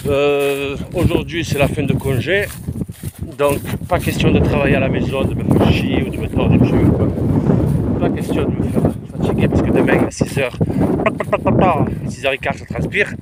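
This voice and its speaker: A man's voice: mid-range voice, normal speed. Chatty man in heavy wind. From Aveyron, France. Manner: chatty, loose, slangy, talks straight to the viewer. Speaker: vlogger. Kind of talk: casual chat to camera while hiking. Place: outdoors on a windy rural hillside. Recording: loud wind noise on the mic outdoors.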